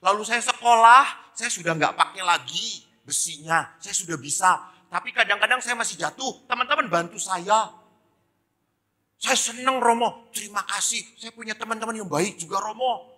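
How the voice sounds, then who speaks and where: A cheerful young boy with polio, speaking high and bright with polite eagerness, as a preacher puts him on. He is a figure in a spoken sermon story. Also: normal speed, big-room sound, heavily acted. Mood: earnest.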